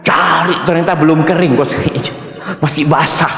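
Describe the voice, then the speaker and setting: Male preacher, high lively voice, humorous storytelling, booming hall reverb. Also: normal speed. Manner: animated, acts out husband and wife in voices; humorous storytelling, addresses the congregation. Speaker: Islamic preacher. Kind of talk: sermon question-and-answer. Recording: very echoey hall with long reverb.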